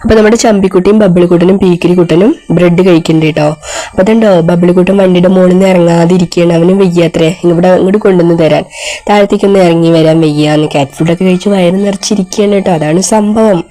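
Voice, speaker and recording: A woman's voice: on the low side, steady tone, rapid-fire, mellow. A woman narrating a casual pet vlog, her voice congested from a cold, chatty and often tagging sentences with "you know". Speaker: pet vlogger.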